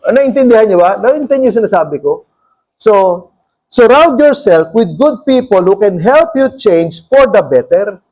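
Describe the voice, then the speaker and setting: A male pastor with a Filipino accent delivers a sermon in a high voice. He switches between Tagalog and English and keeps asking the congregation questions. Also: animated, normal speed, darkish tone, low-quality recording.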